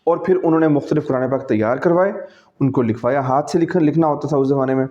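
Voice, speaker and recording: A man's voice: medium pitch, mellow. A male teacher with a Pakistani accent gives a conversational, classroom-style lecture, explaining patiently and often checking that students follow. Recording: dull lo-fi recording.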